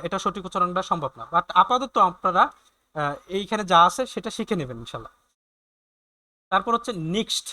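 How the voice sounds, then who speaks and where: Teacher: man, high bright voice, patient and halting, repeats sounds slowly. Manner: hesitant, many fillers and restarts. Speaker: German language teacher. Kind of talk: online language lesson.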